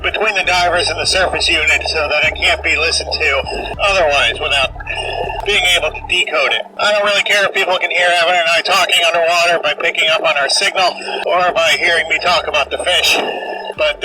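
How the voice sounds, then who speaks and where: A man's voice: fairly high pitch, fairly even intonation, fairly quick, recorded from a distance. A man demonstrating diving gear, his voice muffled inside a full-face scuba regulator mask. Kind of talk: product demonstration narration. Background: music.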